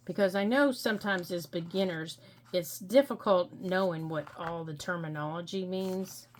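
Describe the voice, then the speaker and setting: A middle-aged woman hosting a crafting tutorial, explaining each step gently and patiently with frequent ums. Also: on the low side. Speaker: crafting channel host.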